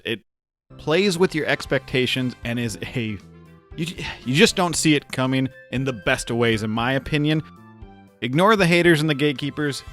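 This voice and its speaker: A man with a medium, slightly bright voice hosts a game review video. His scripted commentary is casual, chatty and lightly joking, with background music playing.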